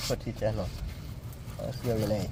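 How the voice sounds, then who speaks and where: A woman with a Jamaican accent cooking outdoors, telling stories in a lively, laughing way. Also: extremely low pitch, moderate pace, a crowd in the background. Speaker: cook. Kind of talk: casual storytelling while cooking. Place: outdoors beside an open cooking fire.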